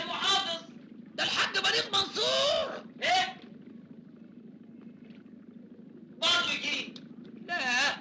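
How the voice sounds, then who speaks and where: An actor playing an excitable, mocking street buddy with an Egyptian accent in a classic film. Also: male voice, very high voice, echoey room. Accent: Egyptian Arabic. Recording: noisy old film soundtrack.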